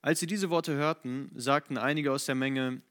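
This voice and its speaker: A man reads scripture aloud at a middle pitch. His delivery is steady and plain, and he sometimes stops to correct a word. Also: normal speed, clear, resonant tone. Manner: steady, with occasional self-corrections. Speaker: Bible reader. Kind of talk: scripture reading.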